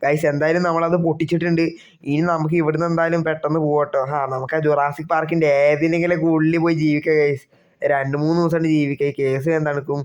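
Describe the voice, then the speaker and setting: A young man talking through a game for his channel, animated and comic, breaking into yelps and exclamations. His voice sits on the higher side and is very smooth and clear. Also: fast talker. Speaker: gaming YouTuber. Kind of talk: gameplay commentary with role-play.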